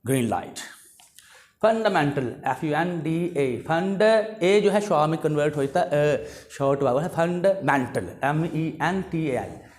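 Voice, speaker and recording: A man's voice: on the high side, a little mellow. A man teaching English vocabulary, explaining each word in Urdu and English and checking in with "okay?". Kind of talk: classroom vocabulary lesson.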